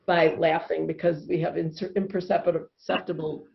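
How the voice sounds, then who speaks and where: A woman's voice: sits low, level tone, normal speed, gravelly, slight background noise. A woman teaching laughter yoga over a video call, upbeat and encouraging, often breaking into laughter as she guides the group. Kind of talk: guiding a group laughter session. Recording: dull lo-fi video call audio. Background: group of participants laughing and cheering.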